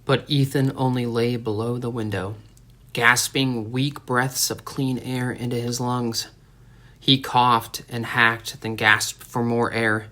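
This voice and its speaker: A man reading a dramatic story aloud as an audiobook narrator, in a steady storytelling manner. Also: mid-range voice, takes it slowly. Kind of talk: scripted narration.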